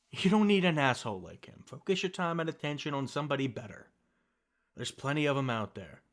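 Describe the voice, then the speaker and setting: Recorded up close on a studio microphone, this young man acts out a best-friend ASMR script. His mid-range voice stays soft and gentle as he reassures the listener, breaking now and then into light, teasing laughter.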